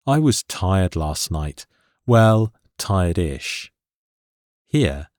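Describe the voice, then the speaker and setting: A man teaching an English lesson, explaining grammar in a slow, clear and deliberate way. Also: deep voice, darkish tone, dry recording, clean studio sound. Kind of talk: scripted lesson narration.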